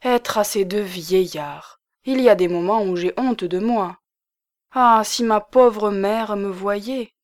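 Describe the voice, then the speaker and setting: A woman's voice: mid-range voice, slow, natural voice. A woman voicing a young coquettish married woman with a pleading, sighing lilt. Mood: plaintive.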